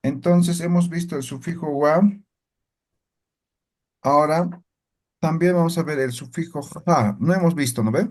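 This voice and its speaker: A man's voice: a little high, measured pace, pauses often. A man teaching a language class, explaining step by step and checking in with frequent tag questions. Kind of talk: classroom lesson.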